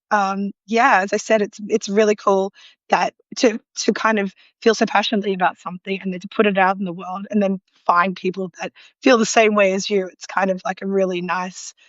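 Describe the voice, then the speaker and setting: A casual guest in a live online interview, this food illustrator with an Australian accent talks in a medium-pitched voice, dotting her speech with ums, likes and frequent laughs. She's connected by remote call from a loud city apartment, sirens audible outside. The recording is dry with the highs cut off.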